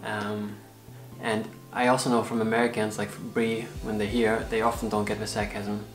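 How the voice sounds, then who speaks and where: A man's voice: on the low side, flat delivery, moderate pace. A young man with a German accent, a native German speaker, co-hosting a casual vlog and searching for words with many fillers. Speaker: vlog co-host. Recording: roomy echo, faint music.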